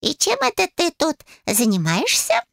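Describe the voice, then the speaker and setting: A woman's voice: high voice, huge pitch swings, normal speed, creaky, a bit bright, dry recording, clean studio sound, pitched above the performer's own voice, exaggerated voice. A woman voicing a sarcastic female owl familiar in an audiobook, mocking and indignant.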